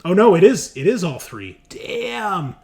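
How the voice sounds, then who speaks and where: This game master's voice is high and a little creaky yet a little mellow, swinging widely in pitch at a slightly slow pace. He runs a tabletop roleplaying game casually, explaining rules conversationally over faint background music.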